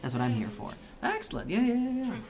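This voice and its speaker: A man from Belarus, a native Russian speaker, chats casually during a gaming live stream, rambling, swearing heavily, and restarting often. His voice sits high with huge pitch swings, a quick pace, creaky texture, and a rather dark tone.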